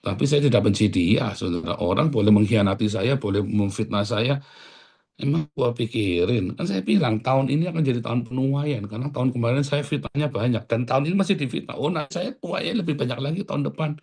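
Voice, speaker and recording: Animated male preacher, loud-then-soft sermon. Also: medium pitch, a little fast, vocal fry, husky. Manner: animated preaching, swings between loud bursts and quiet asides; casual street slang mixed into preaching. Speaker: pastor.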